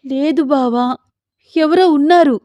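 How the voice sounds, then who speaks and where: A woman voicing a frightened young wife who pleads in a high, breathless voice. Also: unhurried, warm tone, no room sound, studio quality.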